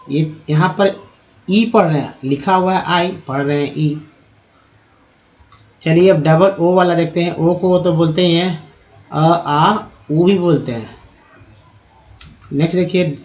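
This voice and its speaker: A man's voice: fairly high pitch, a little mellow, lo-fi sound. Hindi-speaking man teaching English spelling. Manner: slow, repetitive, spells out letters one by one. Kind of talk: spoken lesson on English reading and pronunciation.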